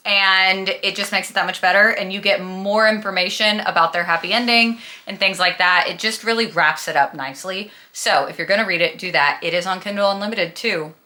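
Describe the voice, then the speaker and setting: This book vlogger and host is a young adult woman whose mid-range voice sounds pushed and bright. Talking casually to camera about books, she gushes dramatically and stresses her points, all with a slight lisp.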